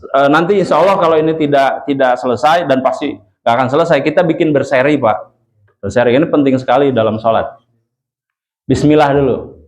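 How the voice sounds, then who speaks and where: A man with a Sundanese accent, teaching Quran recitation to a group of men, patiently drawing out each word to show the pronunciation. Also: medium pitch. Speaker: Islamic religious teacher. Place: study gathering with a group of men.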